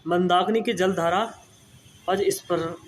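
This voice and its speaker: A man's voice: sits high, steady tone, takes it slowly, slight background noise. A young man teaching Hindi spelling for exam prep. He repeats words and keeps checking in with his students. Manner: explains patiently, repeats words, often says "ठीक है ना".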